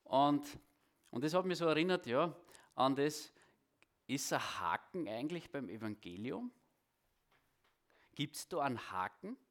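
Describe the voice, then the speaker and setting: A preacher giving a sermon and prayer in a church hall, speaking with a halting delivery that often repeats words. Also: male voice, mid-range voice, expressive. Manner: halting, repeats words, self-deprecating asides.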